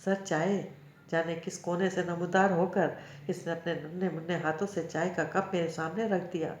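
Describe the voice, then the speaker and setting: Low-voiced woman reading a novel aloud. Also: fairly even intonation, moderate pace, darkish tone, slight background noise. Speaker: novel narrator. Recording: roomy, dull lo-fi recording.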